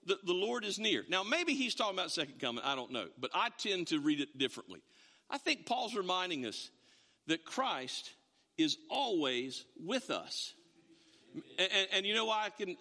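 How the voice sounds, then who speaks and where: A man preaching a sermon to his congregation in a church, animated and often restarting his words. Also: high voice, normal speed, in a large hall. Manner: animated, with frequent stammered restarts. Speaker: pastor. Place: church sanctuary.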